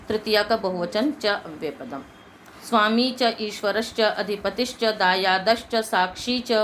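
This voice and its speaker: Patiently working through Sanskrit grammar rules, a Hindi-accented woman with a voice on the high side asks her class questions and supplies the answers herself. Some hiss or hum runs through the rough recording.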